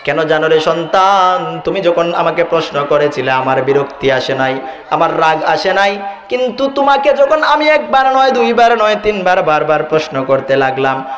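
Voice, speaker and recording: A man's voice: on the high side, animated, normal speed, fairly bright tone, echoey room. A man preaching a Bengali waz sermon in a sing-song, pleading style, chanting verses and repeating refrains. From Bangladesh.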